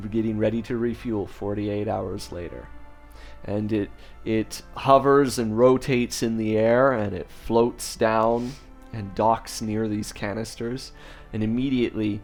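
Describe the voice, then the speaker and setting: A man narrating as dungeon master, wry and unhurried. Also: on the low side. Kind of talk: narrating a tabletop game.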